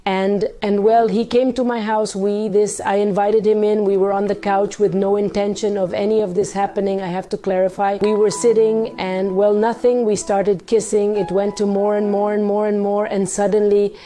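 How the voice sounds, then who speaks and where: A woman vlogger on her own storytime channel tells a candid, dramatic story to camera in a casual confessional way, complete with quoted dialogue. Partying has left her hoarse with her voice partly gone, though it stays mellow, mid-range and flat in pitch. She speaks at a normal speed with hardly any pauses.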